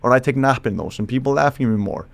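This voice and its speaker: A man from Iceland, a psychologist guest on a podcast, explaining in a thoughtful, halting way with frequent restarts. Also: medium pitch, animated, gravelly. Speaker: psychologist and charisma expert guest. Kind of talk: casual podcast interview.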